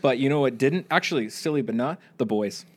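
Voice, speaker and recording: A man's voice: mid-range voice, animated, brisk, a little hiss or hum. A young adult man co-hosting a casual podcast, rambling and repeating himself as he gives his opinions. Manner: rambling, repeats words, swears freely. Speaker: podcast co-host. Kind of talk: casual chat.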